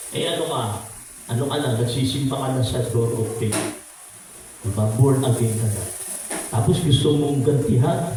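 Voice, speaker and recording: A man's voice: fairly high pitch, darkish tone, very echoey, recorded from a distance, a little hiss or hum, rough recording. A man teaching a congregation in a casual sermon, asking listeners questions and calling on them by name, with frequent tag questions. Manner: conversational, calls on listeners by name, frequent "no?" and "di ba?" tags.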